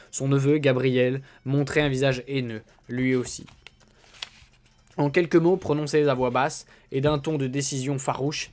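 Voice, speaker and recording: A man reading a classic novel aloud in a measured way, with small slips and restarts. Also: mid-range voice, darkish tone. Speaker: storyteller.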